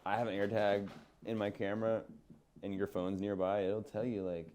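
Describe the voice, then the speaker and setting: A man's voice: fairly low pitch, level tone, normal speed, darkish tone, slight background noise. A man in his thirties, a podcast guest, chatting casually in a rambling way full of fillers. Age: 30s. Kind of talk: casual chat.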